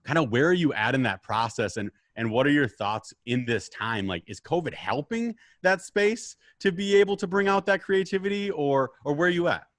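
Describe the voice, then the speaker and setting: A man's voice: on the high side, lively intonation, normal speed, hardly any pauses, a bit bright, no room sound. A man hosting a casual conversation podcast, asking friendly, long and rambling questions. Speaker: podcast host, interviewer. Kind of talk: casual interview chat.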